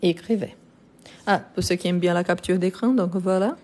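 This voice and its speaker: A woman with French and Brazilian roots teaching French grammar in a live online lesson, speaking slowly and deliberately with frequent fillers and restarts. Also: on the low side, steady tone, mellow. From France and Brazil. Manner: slow, deliberate, explanatory with many fillers.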